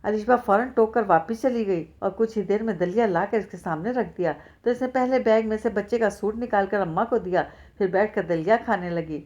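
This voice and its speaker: Brief: steady female audiobook narrator, mid-pitched, plain reading. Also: brisk, few pauses. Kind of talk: reading a novel aloud.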